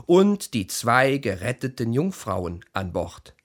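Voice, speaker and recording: A man playing a poetic narrator of a storm at sea, reciting dramatically with incantatory repetition in a husky voice. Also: mid-range voice, sing-song, takes it slowly. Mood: solemn, dramatic.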